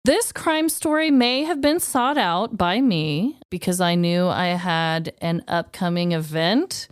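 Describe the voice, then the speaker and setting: In clean studio sound with no room echo, a young comedy podcast co-host speaks slowly in a smooth voice on the low side. Playful and prone to exaggeration, she mixes casual joking banter with dramatized true-crime storytelling.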